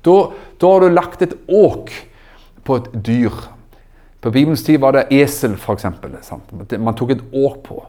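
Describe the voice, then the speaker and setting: A man preaching a sermon in an animated, emphatic way, asking the audience questions. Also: mid-range voice. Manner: animated, rising emphatic exclamations.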